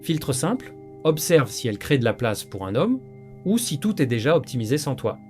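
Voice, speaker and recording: A man's voice: medium pitch, very animated, normal speed, darkish tone. A man giving a terse, analytical voice-over in short, rule-like statements. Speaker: narrator. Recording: voice-over with faint guitar music.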